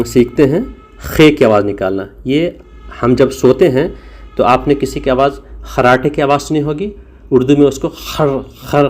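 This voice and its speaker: A man's voice: medium pitch, darkish tone. A man teaching a language lesson, explaining patiently and demonstrating sounds. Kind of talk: spoken lesson.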